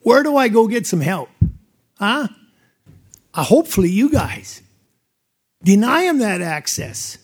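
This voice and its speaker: A man's voice: sits high, sing-song, measured pace, long pauses, breathy edge. A middle-aged man from North Dakota, giving emotional, plain-spoken testimony as a landowner at a public hearing.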